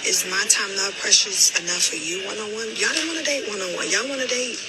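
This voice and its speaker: A man's voice: high voice, fairly quick, loud music behind the voice, poor audio. A man ranting casually in a mocking tone, drawing out words for emphasis. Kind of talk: casual rant.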